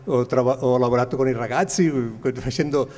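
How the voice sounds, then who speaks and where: In a large glass-walled hall indoors, its echo carried over a PA, a Spanish guest speaker in his seventies informally recalls past events for an audience. A native Spanish speaker with a Spanish accent, he halts as he searches for words, speaking into a handheld microphone in a medium-pitched, darkish voice.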